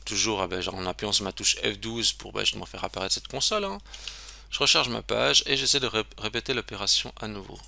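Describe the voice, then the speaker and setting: A man's voice: fairly low pitch, quick pace, creaky, bright, forceful tone. A man giving a casual screen-recorded web tutorial, chatty and self-interrupting, with lots of fillers.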